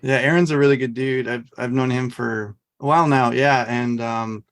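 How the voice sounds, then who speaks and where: A man's voice: mid-range voice, fairly even intonation, moderate pace, fairly bright tone. A man from Oregon hosting a podcast, casual and laid-back, affirming his guest often. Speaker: podcast host. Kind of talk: casual chat.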